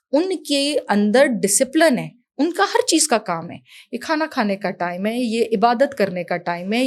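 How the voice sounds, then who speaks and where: A woman in her fifties from Pakistan, an education professional talking as a guest in an interview, animated and motherly, slipping English phrases into her speech. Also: a little high. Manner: animated, mixes in English phrases, calls the host "son". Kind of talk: casual interview conversation.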